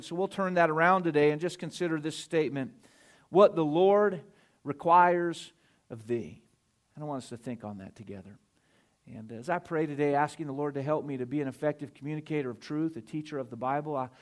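A middle-aged man preaching a sermon, earnest and animated, telling stories with asides and restarts. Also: fairly high pitch. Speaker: pastor.

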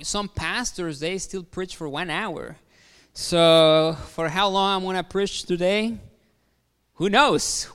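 A guest pastor with a Mexican Spanish accent delivers a sermon in a large hall, friendly but halting, with many fillers and restarts. His slightly high voice is smooth, resonant and fairly bright. A long reverb trails after his words.

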